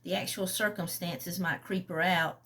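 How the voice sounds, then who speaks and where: A woman chatting casually, then reading a passage from her own novel aloud in an unhurried way. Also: fairly low pitch, fairly even intonation, sharp tone.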